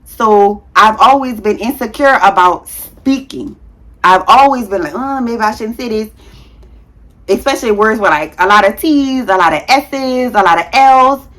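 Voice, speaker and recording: A woman in her thirties, a nurse, chatting casually to her viewers in a vlog, talking fast with a heavy tongue and sometimes tripping over words. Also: medium pitch, lively intonation, fairly bright tone. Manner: frank, slangy, addresses viewers as y'all. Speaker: nurse and content creator.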